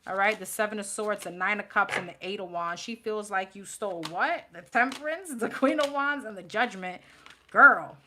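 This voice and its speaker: A woman's voice: medium pitch, a little fast, hardly any pauses, sharp tone. Sassy New York tarot reader woman. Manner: blunt, sassy, laughing and chatty. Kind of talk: live tarot reading. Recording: audible background noise with card shuffling.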